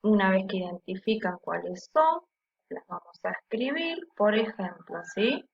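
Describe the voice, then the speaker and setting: A woman teacher explaining a lesson slowly and patiently, checking often with the class and stressing syllables aloud to demonstrate. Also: medium pitch, lively intonation, gravelly, highs cut off. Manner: slow and patient, with frequent checking "¿sí?".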